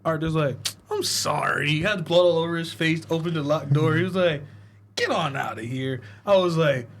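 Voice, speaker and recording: A man on a casual podcast, retelling a movie's plot with animated storytelling and acting out the characters' lines. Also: on the high side, normal speed, creaky, slight background noise. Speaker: podcast co-host reviewing a film. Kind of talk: casual chat.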